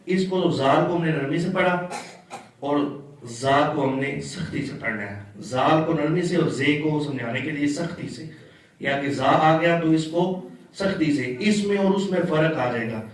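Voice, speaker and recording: A man teaching letter sounds in a patient classroom style, drawing out and chanting each sound for his students. His voice sits a little high and comes from some distance off the mic. The room rings with heavy echo around him. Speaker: Quran recitation teacher. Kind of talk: classroom tajweed lesson. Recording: echoey room, mic far off.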